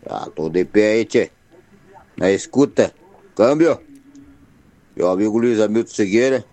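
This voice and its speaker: Man, Rio Grande do Sul accent, over CB radio, low voice, radio caller, rattles off greetings. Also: lively intonation, unhurried, mellow. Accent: Rio Grande do Sul Brazilian Portuguese. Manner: radio-operator sign-offs, rattling off greetings to friends. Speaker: caller to a morning radio show.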